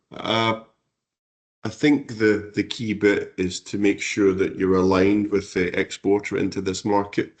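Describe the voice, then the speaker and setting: A man answering as a speaker in a panel discussion, explaining his working approach. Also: on the low side.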